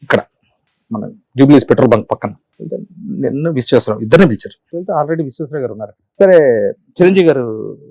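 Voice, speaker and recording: A middle-aged man and comedian, telling animated stories in an interview, repeating phrases for effect. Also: mid-range voice, fast, no room sound. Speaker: comedian guest. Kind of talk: storytelling interview.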